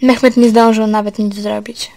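A woman narrating a homemade historical fan story in an earnest, even reading voice. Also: a little high, normal speed, gravelly, rough recording. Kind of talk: read-aloud storytelling.

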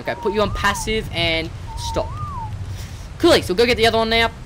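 Excitable gamer, lively pitch. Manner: excitable, scolds and coaxes the game animals. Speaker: gaming channel host. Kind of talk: let's-play game commentary. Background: game music.

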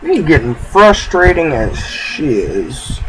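Young male gamer, crude and excitable commentary, slightly high, noisy recording. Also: takes it slowly. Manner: goofy, crude, swearing, excitable. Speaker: gameplay host. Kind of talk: casual gaming commentary.

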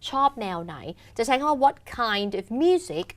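A woman's voice: high voice, expressive, a little fast, fairly bright tone. A woman co-hosting an English lesson show, explaining patiently in a casual chat and dropping English phrases into her talk. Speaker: co-host and English teacher.

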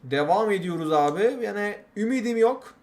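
High-voiced young man commentating a game. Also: animated, normal speed, a little mellow. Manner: exasperated, chatty, keeps repeating catchphrases. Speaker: gaming channel host.

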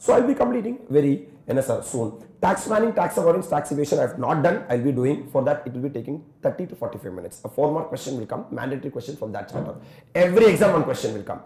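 A man with a South Indian Tamil accent lectures a class at a very rapid clip, his pitch swinging in a lively way. He sounds like an exhorting coach, recorded in a roomy, echoing space. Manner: exhortatory, with repeated "sir" and stock addresses to students. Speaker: tax exam coaching teacher. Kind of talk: animated classroom lecture, switching between languages.

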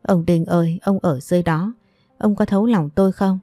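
Woman reading bitter older mother-in-law, dramatic complaints, deep voice, dry sound. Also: fairly quick, no room sound, soft background music, natural voice. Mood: wailing. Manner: sharp and wailing, theatrical complaints.

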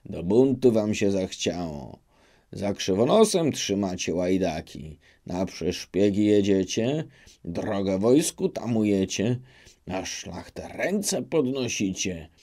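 A man's voice: fairly low pitch, a little slow, darkish tone. A man voicing a boastful, hot-tempered old nobleman who bellows insults and threats. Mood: furious. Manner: bellowing, scolding. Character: blustering old noble knight, boastful and quick to anger.

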